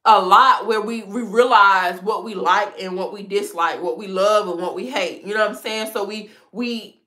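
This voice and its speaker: A lifestyle vlogger in her thirties, stuffy from a cold, answers viewer comments in a casual chat and talks frankly about dating, laughing often. Her voice is medium-pitched and sharp, at a moderate pace.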